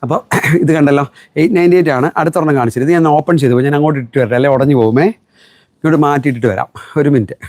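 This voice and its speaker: A man's voice: a little high, very fast, a little mellow, no room sound, studio quality. A middle-aged man from Kerala, a shop owner chatting through a live sales stream and answering viewer comments. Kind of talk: live-stream product selling.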